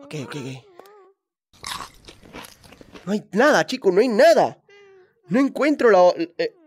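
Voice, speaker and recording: Playful gamer woman, lively pitch. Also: takes it slowly, slight background noise. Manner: playful, mischievous, talks to viewers as "chicos". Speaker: gaming channel host. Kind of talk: let's play commentary.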